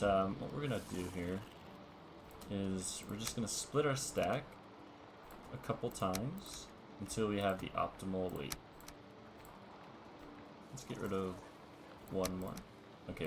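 A man hosting a let's-play, explaining game mechanics step by step in a relaxed, casual way. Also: sits low, background noise. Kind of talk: casual gameplay commentary. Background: background music.

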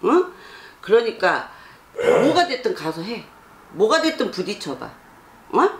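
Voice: medium pitch, sing-song, a little slow. A fortune teller bluntly scolding a young man during a consultation, constantly prodding him for answers. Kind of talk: scolding counsel session. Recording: roomy with faint background noise.

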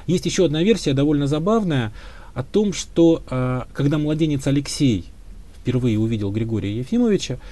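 A man's voice: a little high, lively intonation, a little fast, dark tone. A man being interviewed as a history expert, answering at length in a thoughtful, hedging way with frequent filler sounds. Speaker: historian guest.

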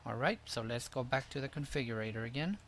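A man hosting a screen-recorded tutorial, explaining each step in a relaxed way with frequent fillers. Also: medium pitch, quick pace, a little hiss or hum. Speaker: tutorial host.

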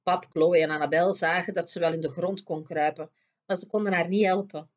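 Een vrouw die een kinderboek hardop en expressief voorleest. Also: female voice, lowish voice, a little fast, lo-fi sound. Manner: expressive, lively storytelling. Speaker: storyteller reading aloud. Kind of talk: reading a children's book aloud.

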